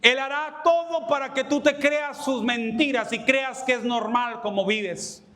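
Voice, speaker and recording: A pastor preaching a passionate sermon, acting out the voices of people he quotes and rising at times to a shout. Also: very high voice, steady tone, unhurried.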